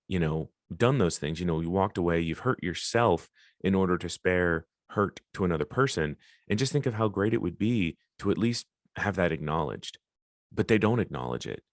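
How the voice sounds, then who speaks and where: Deep-voiced earnest male podcast host. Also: dry recording, clean studio sound. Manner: earnest, encouraging, swears casually. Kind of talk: reflective solo podcast monologue.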